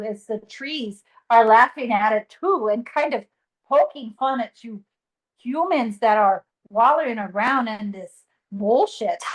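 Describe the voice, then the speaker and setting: A woman's voice: fairly high pitch, low-quality recording. A woman channeling a serene ancient sage spirit. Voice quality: slow, pausing, humming "mm" between phrases. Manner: calm, teasing, swears casually. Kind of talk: channeling session.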